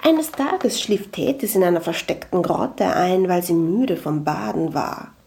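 A woman reading a story aloud in a calm narration style, sometimes dropping to a soft whisper. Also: fairly low pitch, measured pace, gravelly. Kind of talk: scripted audiobook narration.

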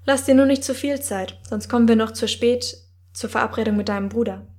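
Woman doing a relaxed young man, light teasing tone, audiobook. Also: a little high, brisk, close to an everyday voice. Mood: amused. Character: amused young man, the shopper's boyfriend.

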